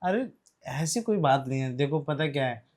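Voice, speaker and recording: A woman's voice: low-pitched, animated, normal speed, darkish tone. A woman playing a young husband caught cheating, who defends himself and begs forgiveness in a comic family skit. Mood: pleading. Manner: defensive, wheedling, pleading.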